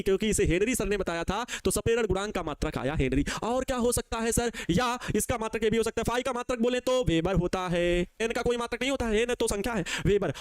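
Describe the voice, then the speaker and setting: A man's voice: high voice, clear, resonant tone, dry recording, studio quality. A male physics teacher with a Bihari Hindi accent giving a live online lecture, answering questions he voices for the students and coaxing them to repeat after him.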